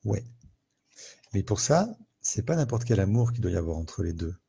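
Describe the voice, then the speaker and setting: A man's voice: fairly low pitch, very animated, moderate pace, vocal fry, dark tone, breathy edge. A man speaking as a therapist in a live talk, thinking aloud, repeating words and acting out everyday scenes to explain emotions.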